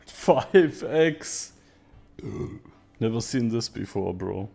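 A man in his thirties giving casual, profane live-stream commentary as a casino game streamer, with excitable outbursts. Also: medium pitch, very slow, creaky. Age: 30s.

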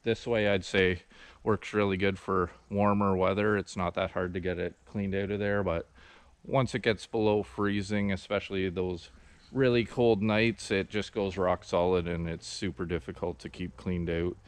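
Male, 40s, low smooth voice, rambling outdoor vlog walkthrough, arm's-length camera. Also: moderate pace. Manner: relaxed, rambling explanation with many ums. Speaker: sawmill vlogger. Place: outdoors at a forest clearing sawmill site. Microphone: camera held at arm's length.

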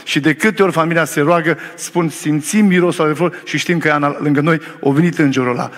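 A man's voice: fairly high pitch, fairly even intonation, fairly bright tone. A male pastor preaching a sermon to his congregation, telling a story with fervent conviction. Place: church hall during a service. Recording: long reverb of a church hall.

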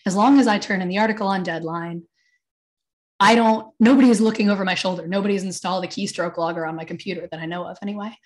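A woman with a tired voice speaks into her computer mic from her room at home. She talks loosely and conversationally on a webinar, with frequent fillers and asides. Her pitch sits in the middle range. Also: fast. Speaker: panelist. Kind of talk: webinar talk. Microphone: computer mic on video call.

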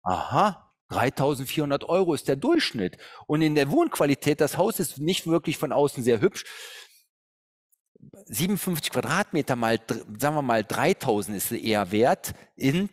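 A man's voice: mid-range voice, normal speed. A middle-aged man coaching on real estate investment, telling stories and working through figures on slides while humming as he thinks. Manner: animated storytelling, thinking aloud with hums. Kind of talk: seminar talk with slides.

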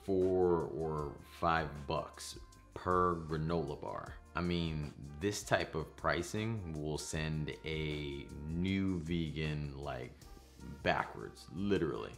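Faint music plays behind this cooking channel host, a man in his thirties whose voice rumbles low and slow. He talks casually to the camera in his kitchen, cracking playful jokes, before switching to voice-over.

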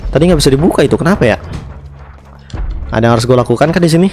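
A young man with an Indonesian accent giving casual gameplay commentary into a headset, chatty and often repeating words in quick strings. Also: medium pitch, lively intonation, darkish tone. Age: young adult. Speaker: gaming streamer. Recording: game music behind the voice. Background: video game music.

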